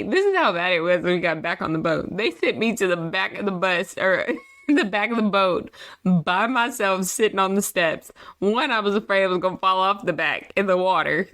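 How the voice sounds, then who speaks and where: A woman's voice: medium pitch, fairly bright tone. A young woman co-hosting a podcast with her husband, chatting casually, laughing often and teasing herself. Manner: laughs often, playful and self-mocking. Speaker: podcast co-host. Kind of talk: casual chat.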